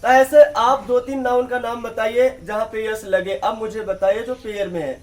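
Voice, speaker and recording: A man's voice: high voice, level tone, normal speed. A male English teacher in a classroom, teaching in call-and-response and repeatedly quizzing students with either-or questions. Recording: distant classroom recording with student chatter.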